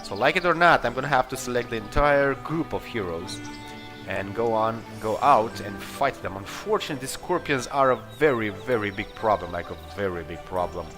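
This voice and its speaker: A let's play host with an expressive mid-range voice talks a little fast as he offers casual, off-the-cuff game commentary, hesitantly thinking through his moves. Behind him are video game music and battle sounds.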